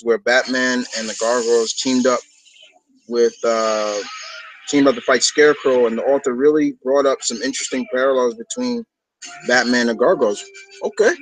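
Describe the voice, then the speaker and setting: A man's voice: medium pitch, rough recording. A man from New York hosting a fan discussion, chatting casually in a rambling, enthusiastic way. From New York, United States. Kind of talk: casual chat.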